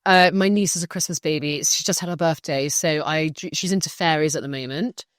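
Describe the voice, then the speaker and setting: A young woman co-hosting a podcast, chatting in a bubbly, animated way and laughing often. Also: deep voice, brisk, no echo, studio quality. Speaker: podcast co-host. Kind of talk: casual chat.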